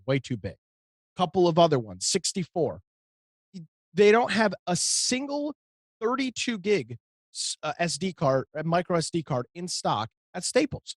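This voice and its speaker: A man's voice: a little high, no room sound. An American man co-hosting a talk show, speaking casually and telling stories with emphatic exasperation. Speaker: co-host of a computer talk show.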